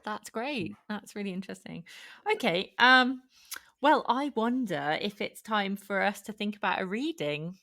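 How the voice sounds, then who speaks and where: A woman's voice: medium pitch, animated, normal speed, creaky, sharp tone. A woman co-hosting a podcast in casual chat, full of encouraging interjections. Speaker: podcast co-host.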